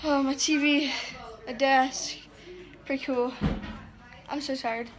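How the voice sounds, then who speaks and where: A young woman casually vlogs about her trip, chatty and giggly, holding her phone at arm's length in a hotel room and a car. Her voice is high-pitched, steady in tone, and slow.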